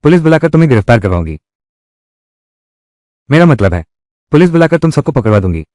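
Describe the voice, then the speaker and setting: A man's voice: medium pitch, very animated, fast, a little mellow, no room sound, studio quality, lightly acted. A man voicing a fierce young village wife who fights back against her in-laws, with a defiant, mocking manner in dubbed drama dialogue. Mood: threatening.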